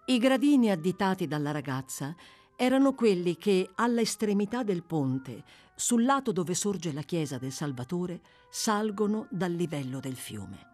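Woman narrating a classic novel, deep voice. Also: moderate pace, soft background music. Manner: expressive, dramatic. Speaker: audiobook reader. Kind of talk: literary audiobook narration.

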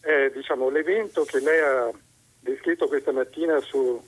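A man phones in to a radio talk show, his voice coming down a telephone line. His tone is husky and slightly raspy, and the sound is dry and close. He pauses often and restarts his sentences while he looks for words. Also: mid-range voice, steady tone, dry recording. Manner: hesitant, searching for words with frequent pauses and restarts. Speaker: radio call-in listener. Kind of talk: call-in question to a radio host.

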